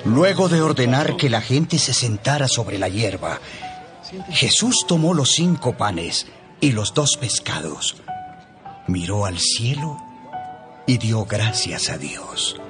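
A man narrating a Bible audiobook in a measured, expressive storytelling manner. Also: medium pitch. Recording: narration over background music.

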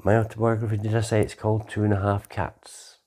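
A man in his sixties recounts his own life in a loose, unhurried way, stopping and restarting as he goes. His voice is deep and mellow, with a husky edge. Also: level tone. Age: 60s. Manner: rambling, conversational, with frequent pauses and restarts. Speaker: memoir author telling his life story. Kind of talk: unscripted autobiographical storytelling.

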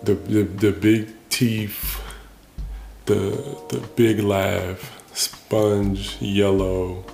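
A podcast host muses casually in a reflective solo monologue, thinking aloud and often restarting his thoughts. His lowish, warm voice is flat, with drawn-out words and vocal fry. The room is reverberant, and faint music plays behind him.

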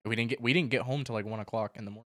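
A young man co-hosting a casual podcast, relaxed and matter-of-fact as he recounts events. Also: medium pitch, rapid-fire, no echo, clean studio sound. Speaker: podcast co-host. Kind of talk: casual chat.

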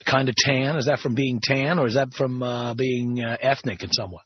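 A man's voice: mid-range voice, fairly even intonation, moderate pace, slightly rough. A male radio host questioning a caller, sarcastic and probing. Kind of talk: call-in radio show. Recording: dull lo-fi radio broadcast.

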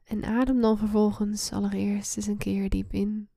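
A woman leading a guided meditation in a soft, breathy, soothing voice that often slips into a hushed spa-like whisper. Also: medium pitch, little pitch movement, moderate pace, no room sound. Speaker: guided meditation podcast host. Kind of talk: slow guided relaxation meditation.

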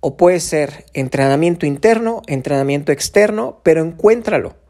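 A man's voice: on the high side, lively intonation, normal speed, darkish tone. A man with a Mexican accent hosting a solo podcast, talking conversationally in a coaching tone, asking rhetorical questions and using casual fillers. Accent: Mexican Spanish. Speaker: podcast host. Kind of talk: solo podcast monologue on sales.

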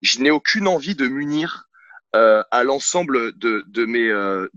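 A man's voice: mid-range voice, lively intonation, unhurried, pushed and bright, no echo, lo-fi sound. A man working as a sports coach, guest on a podcast, talking bluntly and outspokenly in a casual interview, with many hesitations and restarts. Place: at home on a couch, filming himself. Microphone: camera mic.

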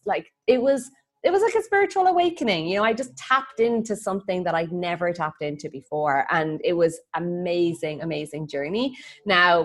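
A woman from the west coast of Ireland with an Irish accent, probably in her thirties, chatting as an interview guest, laughing often and full of "like" fillers. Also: fairly low pitch. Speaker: guest, feng shui practitioner. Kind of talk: casual interview storytelling.

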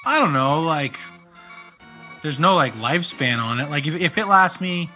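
A man's voice: fairly high pitch, very animated, moderate pace, sharp tone, faint music behind. A man chatting casually on a podcast, joking and rambling with lots of fillers. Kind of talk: casual chat.

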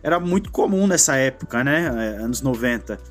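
A man's voice: mid-range voice, lively intonation, fairly quick, soft background music. A man in his forties with a Brazilian Portuguese accent, co-hosting a talk show and telling a childhood memory in a reflective, casual way, often adding a questioning "né". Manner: reflective, often adds "né" and trails off. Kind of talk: casual conversational storytelling.

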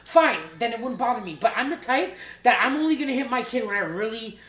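High-voiced woman, blunt and laughing. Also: expressive, quick pace, fairly bright tone. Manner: laughs often, blunt, swears casually. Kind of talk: casual debate chat. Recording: roomy echo.

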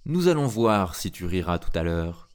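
A man's voice: low-pitched, very animated, smooth. A man reading a tale aloud in a theatrical storytelling manner, speaking to a listener. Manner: slow and theatrical, addressing a listener. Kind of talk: expressive storytelling.

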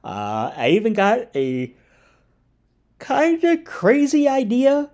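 A man's voice: very high voice, huge pitch swings, takes it slowly, darkish tone. A man from the South, hosting a casual solo podcast from his apartment, rambling with fillers and chuckles, a bit tired. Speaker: podcast host. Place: studio apartment.

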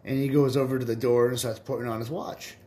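A laid-back male podcast host telling dirty jokes in a loose, rambling manner. He chuckles at his own punchlines, and his voice sits at a middle pitch. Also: level tone, quick pace, mellow, slight background noise. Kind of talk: casual joke telling.

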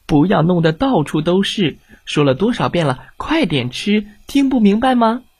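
A man voicing an adult mother who nags and then speaks tenderly, in a high, sing-song storybook voice. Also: very animated, a little slow, husky, dry recording, exaggerated voice. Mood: scolding.

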